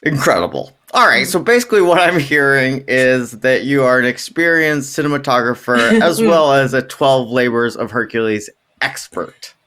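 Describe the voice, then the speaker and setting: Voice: mid-range voice, animated, normal speed, few pauses, fairly bright tone. A podcast co-host retelling myths in casual chat, playful and jokey with wry asides.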